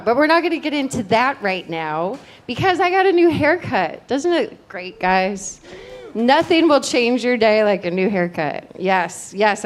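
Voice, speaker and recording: A middle-aged woman doing stand-up comedy in a chatty, rambling way, talking straight to the crowd. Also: mid-range voice.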